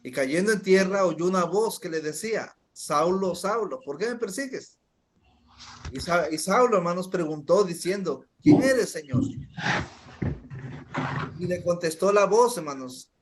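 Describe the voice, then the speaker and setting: A man's voice: high voice, animated, a little slow, slight background noise. A man preaching a sermon, emphatic, often calling his listeners brothers.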